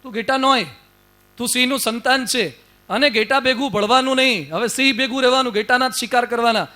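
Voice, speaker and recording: A man's voice: extremely high pitch, fast, pushed and bright. A man voicing a stern adult male lion who orders a young cub around and insists on the cub's true nature. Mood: rousing. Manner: stern, commanding.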